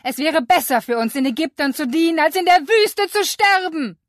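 A man putting on a shrill, high falsetto to voice a frightened, whining crowd of Israelites, complaining in an exaggerated way. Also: animated, normal speed, dry recording, clean studio sound. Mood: whiny, panicked.

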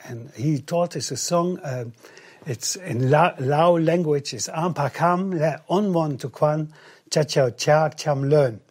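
Halting man, husky. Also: fairly high pitch, darkish tone. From Netherlands. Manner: halting, with many fillers and restarts. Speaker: guest, travel coordinator. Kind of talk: speaking in short bits for an interpreter.

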